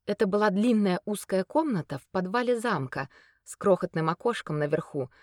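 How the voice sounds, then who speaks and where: A woman reading a fantasy story aloud in a steady, expressive audiobook narration. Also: mid-range voice, brisk, no echo, studio quality.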